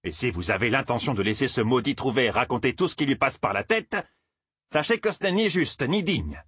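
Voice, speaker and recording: Guy doing a cranky old roofer, shouty, voice jumps all over, husky. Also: on the high side, sing-song, moderate pace, no room sound, clean studio sound, voice pushed up. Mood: furious. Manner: shouting, scolding. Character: cranky old male village roofer, indignant. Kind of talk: audiobook character voice.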